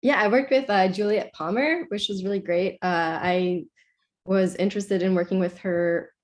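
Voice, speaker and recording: A woman's voice: medium pitch, moderate pace. A young woman from Iceland, a composer answering interview questions in a casual, chatty way, full of "like"s and self-corrections.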